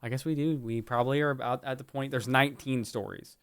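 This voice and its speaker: A man's voice: mid-range voice, fairly even intonation, quick pace, smooth, no echo. A man hosting a live stream, chatty and joking, swearing casually as he moves between stories. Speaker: stream host.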